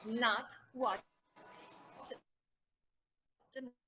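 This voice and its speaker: A woman's voice: fairly high pitch, steady tone, very slow, pushed and bright, long reverb tail, a little hiss or hum, rough recording. A woman from Brazil teaching English grammar in an online class, patiently spelling words out letter by letter. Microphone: video call.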